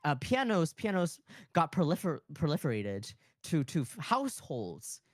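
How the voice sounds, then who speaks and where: An excitable streamer talks casually on a livestream at a medium pitch. Words and short phrases come out repeated in eager bursts. The sound is dry, with very little room in it. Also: moderate pace, no echo. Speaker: streamer, pianist and composer.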